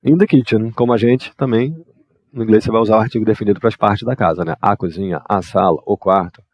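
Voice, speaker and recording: A man from Brazil teaching English grammar, explaining exercises at a quick clip and reading model sentences slowly. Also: lowish voice, no echo. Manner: lively, switches between explaining and slow model sentences. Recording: dry, dull lo-fi mic.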